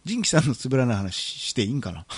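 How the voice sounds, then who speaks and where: A man's voice: medium pitch, fast talker, slightly rough, no echo. A man with a Kansai accent co-hosting a casual podcast chat, telling stories with lots of fillers. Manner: chatty, animated storyteller with frequent fillers. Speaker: podcast co-host.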